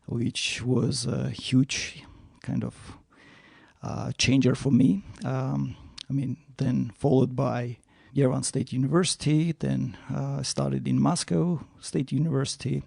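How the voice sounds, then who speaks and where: Gravelly man from Armenia, dark dry voice. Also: medium pitch, little pitch movement, dry recording. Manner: halting, many fillers and restarts, listing points. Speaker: guest, startup advisor. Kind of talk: interview answers.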